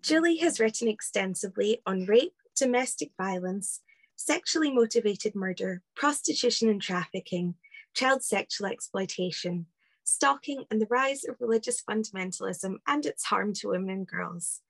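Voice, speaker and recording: A woman's voice: mid-range voice, expressive, moderate pace, creaky, no room sound. A woman hosting an online conversation, speaking close to her computer on a video call. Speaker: host of online book launch. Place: book-lined home room, indoors. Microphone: close to laptop on video call.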